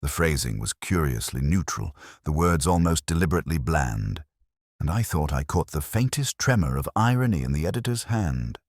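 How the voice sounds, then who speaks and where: An actor playing a pensive, melancholy detective inspector, narrating a mystery in a measured, reflective, literary way. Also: male voice, very deep voice, animated, no room sound, clean studio sound. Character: pensive, melancholy male English detective inspector, bookish and observant. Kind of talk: scripted first-person mystery narration.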